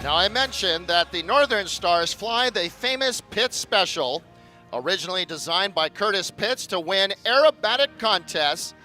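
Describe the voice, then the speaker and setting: Guy doing airshow commentary, forceful high voice, stretches words like an announcer, bit of music behind. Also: lively intonation. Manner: announcer-like, building showmanship with drawn-out phrases. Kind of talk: live airshow commentary to a crowd.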